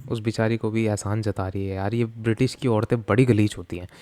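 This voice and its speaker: A man's voice: fairly low pitch, steady tone, a little fast, background noise. Chatty young Indian man reacting. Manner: chatty, joking, mixing Hindi and English. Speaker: reaction video host. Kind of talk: casual reaction commentary.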